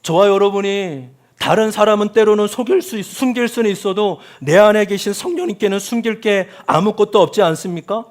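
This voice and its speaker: A male pastor with a high-pitched voice delivers a sermon to his congregation. He asks them questions and calls for amens. He rises to loud cries, then drops to soft asides. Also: a little fast, few pauses. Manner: talks straight to the congregation with questions and calls to say amen.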